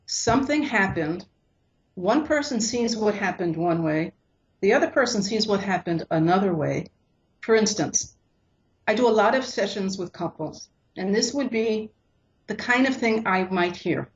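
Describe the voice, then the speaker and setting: A woman counselor calmly explaining couples' conflicts in an interview, sometimes acting out what partners say. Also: mid-range voice, normal speed, muffled recording. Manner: acts out quoted couples in lively voices. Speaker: relationship counselor.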